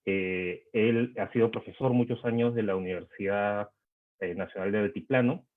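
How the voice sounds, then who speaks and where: Male moderator, low voice, measured and hesitant, introducing panelists over a tinny video call. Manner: measured, hesitant with frequent fillers. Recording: tinny phone-like online call audio.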